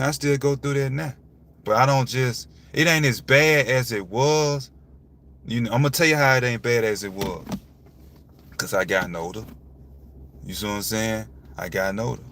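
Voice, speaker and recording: A man's voice: on the low side, a bit bright, a little hiss or hum. A young man talks frankly and with animation about his father, often asking "you see what I'm saying". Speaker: vlogger. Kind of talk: casual talk to camera.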